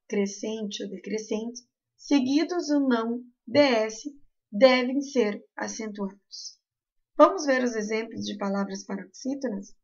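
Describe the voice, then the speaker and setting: Southern Brazilian woman, teacher. Careful, deliberate explanation, a touch high. Slightly muffled recording. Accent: southern Brazilian Portuguese. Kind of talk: recorded grammar lesson.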